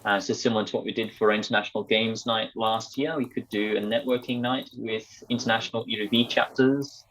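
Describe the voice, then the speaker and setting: A man's voice: on the low side, steady tone, a little fast, fairly bright tone. A young man talking casually in a student society meeting over an online call with dull, lo-fi sound. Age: young adult.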